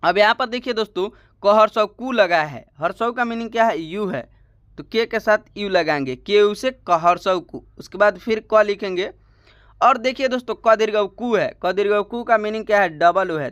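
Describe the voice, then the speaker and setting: A man teaching a step-by-step spoken lesson, slow and repetitive, often asking a question and then answering it himself. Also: high voice, a bit bright, clean tone, no echo, highs cut off.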